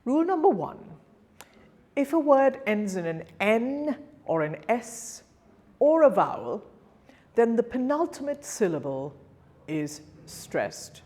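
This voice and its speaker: A woman teaching singing diction, demonstrating each sound slowly and repeating the example words. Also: on the high side, very animated, darkish tone. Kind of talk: pronunciation lesson.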